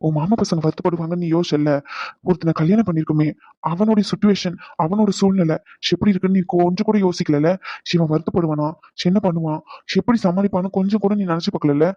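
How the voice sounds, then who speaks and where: A man does cartoon voice acting as a stressed young husband, scolding his wife in long rants that later soften into comfort. His voice is high and quick-paced, and the recording is dry and lo-fi.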